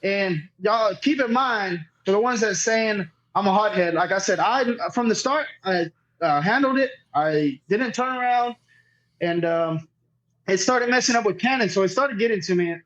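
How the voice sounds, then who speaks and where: The guest, a cornhole player on a podcast, speaks at a moderate pace in a high, slightly bright voice, and the sound is lo-fi. He rambles through a casual, profane story, often repeating what other people said.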